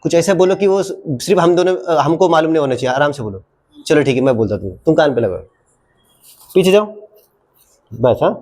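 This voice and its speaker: A man's voice: on the high side, animated, brisk, long pauses, a little mellow. A man teaching a class of children in a classroom, coaxing and asking them the same question again and again. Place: classroom with a projector.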